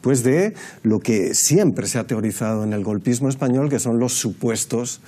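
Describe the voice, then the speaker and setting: A man speaking as a panelist in a political debate, measured and lecturing, with frequent hesitations. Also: medium pitch, animated, mellow. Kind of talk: analytical debate commentary.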